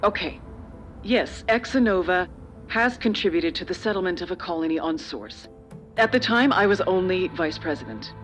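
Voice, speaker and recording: A woman voices a middle-aged corporate official and parent for a game drama, sounding calculating, persuasive and faintly patronizing, with music in the background. Her voice is on the low side, animated but lightly acted, and her mood is measured and evasive, with a touch of condescension.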